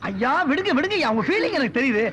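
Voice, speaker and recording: A man's voice: extremely high pitch, big pitch swings, very fast, noisy background. Teasing chattering comic man. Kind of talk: comedy sketch dialogue.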